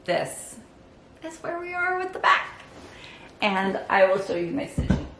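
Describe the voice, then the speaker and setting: A woman's voice: mid-range voice, big pitch swings, measured pace, a bit bright, reverberant, slight background noise. A woman hosting an embroidery channel, explaining her stitching with enthusiasm and wry asides. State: out of breath from holding a heavy piece. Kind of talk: casual show-and-tell narration. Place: indoor room with windows.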